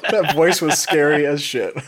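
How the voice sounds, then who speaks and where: A man co-hosting a podcast, joking with quick interjections in casual chat. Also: fairly high pitch, background noise. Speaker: podcast co-host.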